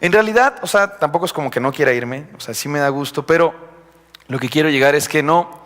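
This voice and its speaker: A man's voice: a little high, fairly quick, fairly bright tone. A young man with a Mexican Spanish accent, giving a chatty, confiding sermon and joking with his congregation. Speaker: preacher. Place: church hall. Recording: live stream in a reverberant church.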